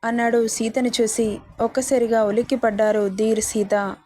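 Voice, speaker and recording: A woman storyteller with a slightly high but dark, mellow voice reads a scripted story aloud. She speaks every character's lines in her own voice, with no change for each role. The delivery stays steady narration. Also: moderate pace, a little hiss or hum.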